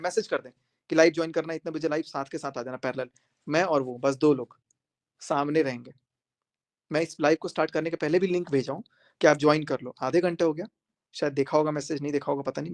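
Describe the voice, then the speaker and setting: A man's voice: a little high, darkish tone. A man speaking on a live stream to his viewers, emphatic and confrontational, repeating his points for force. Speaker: social media creator.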